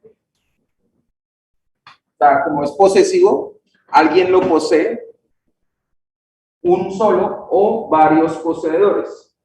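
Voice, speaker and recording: A man teaches grammar in a high, unhurried voice. He keeps checking in with short questions and repeats key words. He is recorded from a distance in an echoey room with faint background noise. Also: darkish tone. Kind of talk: classroom grammar lesson. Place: church classroom.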